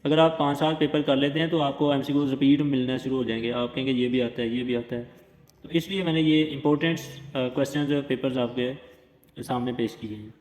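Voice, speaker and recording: A man's voice: medium pitch, fairly even intonation, a little mellow. A man walks students through an exam prep lesson. He is reassuring and explains each point step by step, often repeating himself. His voice sounds roomy, with a lingering echo from the space around him. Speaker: teacher.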